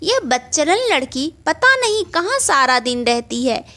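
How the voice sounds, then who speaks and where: Brief: female storyteller doing a harsh, scolding man, stern and slow. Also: high-pitched, sing-song, pushed and bright, full character voice. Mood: angry. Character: harsh scolding male relative.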